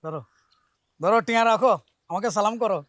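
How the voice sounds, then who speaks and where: An actor playing an excitable, boastful newly married village man, talking fast and pleading. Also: high voice, natural voice.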